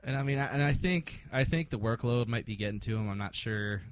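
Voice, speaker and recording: A man's voice: medium pitch, expressive, brisk. A man hosting a casual sports podcast, recapping games with frequent ums and hesitations. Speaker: podcast host.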